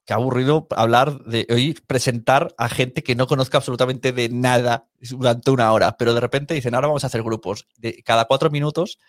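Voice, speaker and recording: A man hosts a relaxed podcast conversation, spinning anecdotes and slipping into quoted voices. His voice sits at a middling pitch. The sound is dry and close, with no room around it. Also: fairly quick, few pauses, no room sound. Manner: chatty storyteller, acts out quoted remarks. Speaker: podcast host and teacher. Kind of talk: casual podcast chat.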